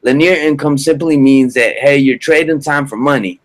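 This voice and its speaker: A man's voice: medium pitch, moderate pace. A man in his thirties, originally from Colombia, giving a casual sales presentation over a video call in a loose, filler-heavy way. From Bogota, Colombia. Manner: loose, filler-heavy, repeats "all right, perfect". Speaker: business presenter.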